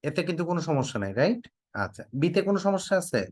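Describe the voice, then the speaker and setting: A man's voice: sits high, sing-song, racing, no echo. A man from Bangladesh who teaches English, giving an online class lecture, quizzing his students and often repeating prompts for them to type in their answers. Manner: joking mock threats.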